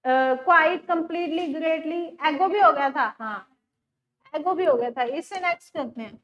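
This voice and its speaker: A woman's voice: very high-pitched, a little slow, a bit bright, lo-fi sound. A woman teacher giving a chatty classroom lecture and telling her students stories. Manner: chatty, addresses students as beta.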